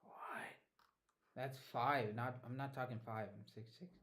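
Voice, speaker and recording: A man's voice: medium pitch, fairly even intonation, moderate pace, a bit bright, a little hiss or hum. A young man streaming himself studying, thinking aloud and mumbling to himself as he works. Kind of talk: muttering while studying on stream.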